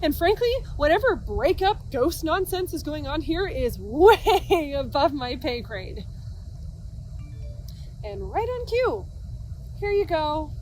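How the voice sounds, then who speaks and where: A woman's voice: high-pitched, big pitch swings, slow, darkish tone, a little hiss or hum, full character voice, rough recording. A woman playing a blunt, fed-up hired burglar with a sardonic, confrontational manner in an audio drama. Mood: angry, sardonic. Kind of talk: naturalistic audio drama dialogue.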